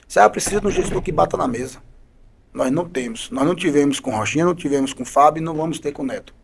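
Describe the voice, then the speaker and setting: A man's voice: a little high, lively intonation, fast, gravelly, noisy background. A man, a politician guest on a podcast, speaking combatively with repeated rhetorical questions. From Bahia, Brazil. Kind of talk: podcast interview.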